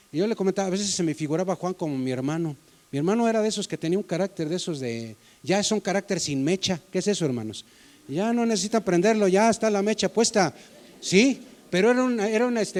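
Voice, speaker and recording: A man's voice: high voice, a little mellow. A man preaching a sermon in a church as the pastor, in a conversational way, often asking the congregation questions.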